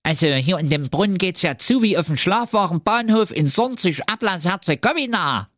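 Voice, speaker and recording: A man's voice: sits high, lively intonation, normal speed, fairly bright tone, no echo, studio quality, voice pushed up. A man voicing a grumpy frog king in a comic fairy tale read aloud, quacking between his sentences. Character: grumpy male frog king with a tiny crown.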